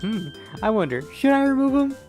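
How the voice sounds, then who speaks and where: A man's voice: extremely high pitch, very animated, brisk, a little mellow, soft background music, pitched above the performer's own voice. A man doing a woman's voice, voicing a cheeky, boastful young woman thief in a visual novel reading. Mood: teasing. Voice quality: girlish put-on voice.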